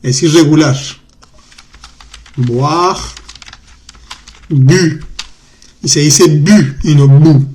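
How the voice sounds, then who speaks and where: A man teaching grammar in a live online class, chatty and patient, reading out student comments and repeating words slowly. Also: on the high side, darkish tone. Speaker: French teacher.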